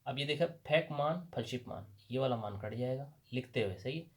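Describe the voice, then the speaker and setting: A man with a Pakistani Urdu accent teaches a recorded lesson, walking through his examples step by step. He keeps asking the class a question and then answers it himself, repeating each point. His voice sits at an ordinary middle pitch. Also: animated, normal speed. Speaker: language teacher. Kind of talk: explaining a lesson at a board.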